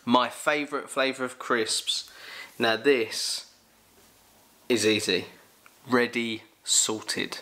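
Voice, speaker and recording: A young man with a London accent, casually answering Q&A questions in a jokey, animated way. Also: medium pitch, takes it slowly. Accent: London English. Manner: animated, jokey, exclaims loudly. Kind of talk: casual Q&A chat.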